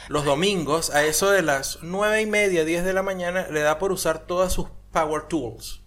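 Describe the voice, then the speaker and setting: Loud joking man. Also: high voice, steady tone, moderate pace. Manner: loud, swearing, joking storyteller. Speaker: podcast co-host. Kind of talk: casual chat. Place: apartment room with window open.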